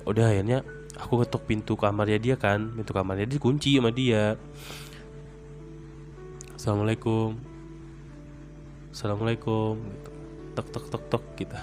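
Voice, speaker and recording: A man's voice: fairly low pitch, steady tone, a little fast, darkish tone, faint music behind. Chatty young man telling a personal story. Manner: chatty, rambling, many fillers.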